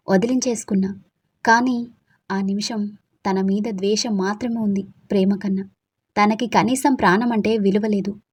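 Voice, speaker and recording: A woman's voice: medium pitch, darkish tone, slightly rough. A woman narrating a first-person audio story in a confiding, emotional way.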